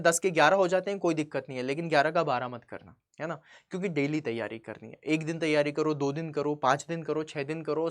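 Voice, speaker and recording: A young man talks students through study habits like a coaching teacher. He keeps it conversational, dropping tag questions, and builds into emphatic, higher-pitched stretches when making a point. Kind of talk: motivational study advice talk.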